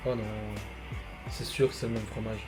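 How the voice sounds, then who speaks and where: Young man, food-tasting vlog, lively loud outbursts, music behind. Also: mid-range voice, normal speed, rough recording. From Switzerland. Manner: animated, loud bursts of disgust, swearing. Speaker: food vlogger.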